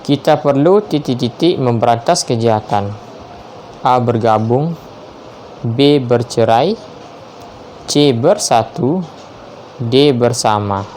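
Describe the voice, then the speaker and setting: A man slowly reading multiple-choice quiz questions aloud and confirming each answer. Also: mid-range voice, animated, a little mellow, a little hiss or hum. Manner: measured, spells out each option, confirms answers with "ya".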